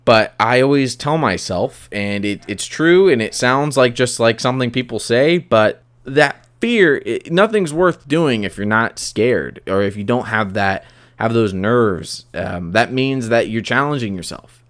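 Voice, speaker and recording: A young adult man hosts a solo podcast, speaking candidly and confessionally. His mid-range, slightly bright voice is halting and self-reflective, often doubling back on phrases.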